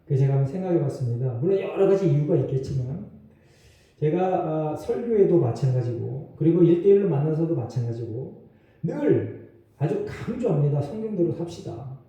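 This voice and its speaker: Preaching as pastor, a man speaks with a slightly high, warm voice that swings widely in pitch, at a moderate pace. The lo-fi recording, made in a church sanctuary with the mic far off, has a roomy echo; he keeps things loose with asides and small laughs.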